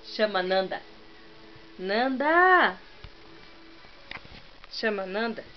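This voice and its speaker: A woman's voice: medium pitch, lively intonation, slow pace, faint music behind. A mother coaxing her toddler at home in sing-song baby talk. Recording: dull lo-fi home recording with hiss.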